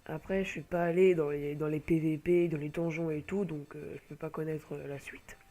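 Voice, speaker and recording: At a moderate pace, a man with a cold speaks in a mellow, slightly high voice with fairly even intonation. Using a home computer mic, he presents an online game, rambling casually and hesitantly over gameplay with many filler sounds.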